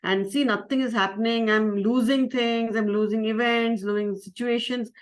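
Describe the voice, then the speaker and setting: A woman's voice: a little high, steady tone, moderate pace, lightly acted. A woman voicing a lazy, whiny young village boy in a children's story.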